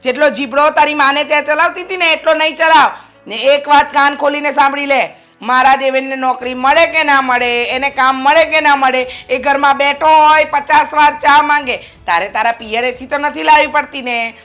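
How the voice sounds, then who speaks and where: A woman's voice: mid-range voice, normal speed, a bit bright, soft background music, natural voice. An actress playing a middle-aged mother-in-law who lectures her son and scolds her daughter-in-law. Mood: scolding.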